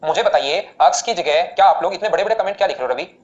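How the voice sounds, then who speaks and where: A man teaching maths in a live online class, explaining steps rapidly and repeatedly asking students questions. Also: sits high, expressive, dull audio.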